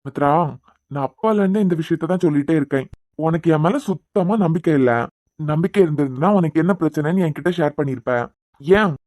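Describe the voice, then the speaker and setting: A man voicing a steady, questioning young man in a cartoon serial, speaking with a Kanyakumari Tamil accent in a firm, reasoning way. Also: fairly high pitch, no room sound, clean studio sound, natural voice. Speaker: voice actor.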